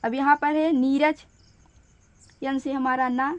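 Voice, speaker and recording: A woman teaching spelling step by step, patient and repeating each point slowly. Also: high voice, little pitch movement, no echo, dull audio.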